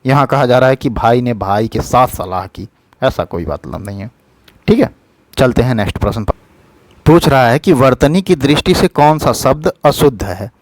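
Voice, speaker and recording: A man tutors exam students through spelling questions in a plain, middle-pitched voice. He is patient and repeats each correct form slowly, often pausing to check in with "thik hai". The sound is dry and close to the mic. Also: animated, no room sound. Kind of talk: explaining Hindi spelling questions.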